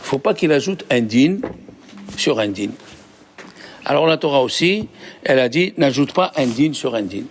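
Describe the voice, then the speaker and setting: Male rabbi, lively lesson voice, patient explainer who quizzes his class. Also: mid-range voice, moderate pace, a little hiss or hum.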